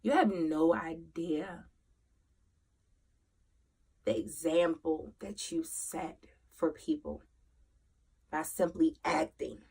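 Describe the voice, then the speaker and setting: A woman hosting a motivational talk as a single mother. She speaks emphatically, repeats her phrases, and moves from loud urging to quiet confession. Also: sits low, takes it slowly, gravelly, long pauses, slightly rough. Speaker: host.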